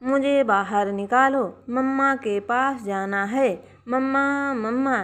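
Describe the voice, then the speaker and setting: A woman's voice: on the high side, slow pace, clear, resonant tone. A woman voicing a small girl who wails and pleads in a storybook tale. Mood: crying. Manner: wailing, pleading.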